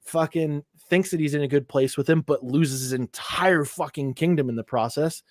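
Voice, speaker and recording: This man's voice runs on the high side at a normal speed, captured cleanly in a studio without echo. Co-hosting a podcast, he gets animated about movies in easygoing talk, cursing often and leaning on "like" again and again.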